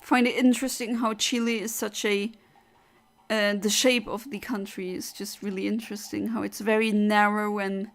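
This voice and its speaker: A woman's voice: mid-range voice, level tone, moderate pace. A woman from southern Luxembourg, chatting casually on a gaming livestream, rambling as she reads out and answers chat. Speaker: streamer.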